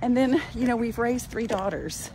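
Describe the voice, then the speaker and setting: Her voice fairly high and her pace moderate, an older cooking channel host chats encouragingly with viewers while walking outside in a parking lot. She films herself with a phone at arm's length, so the recording is rough, with clear background noise.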